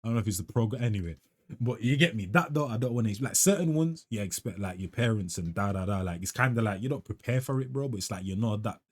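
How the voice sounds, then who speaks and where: Speaking quickly in a fairly low, animated voice, a young music reaction host muses out loud and chats casually. His heavy slang runs throughout, with "fam" and "bro" capping his lines.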